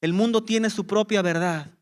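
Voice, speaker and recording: A man's voice: sits high, moderate pace, clean tone. A man preaching a sermon as pastor, with impassioned emphasis and rhetorical questions to the congregation.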